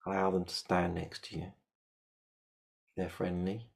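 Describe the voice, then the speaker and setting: A man leading a guided shamanic meditation, giving calm, repetitive step-by-step instructions. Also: low voice, unhurried, vocal fry.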